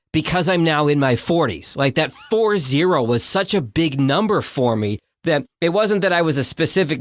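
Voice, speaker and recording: A man's voice: fairly high pitch, dry recording, studio quality. A man in his forties hosting a podcast, chatting casually and telling personal anecdotes. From Michigan. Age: 40s. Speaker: podcast host. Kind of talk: conversational podcast chat.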